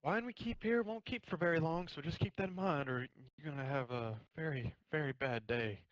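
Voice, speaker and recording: A man voicing a brisk, motherly female innkeeper in a tabletop game, with a gruff, bossy manner. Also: fairly high pitch, dry recording, muffled recording, pitched above the performer's own voice, natural voice. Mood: warning.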